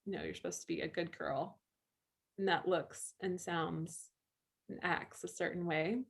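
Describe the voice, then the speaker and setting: Woman reading poems real slow, lowish voice, soft and thoughtful, lots of pauses. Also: fairly even intonation, creaky, slightly rough. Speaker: poetry reading co-host. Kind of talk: slow, reflective poetry reading and chat.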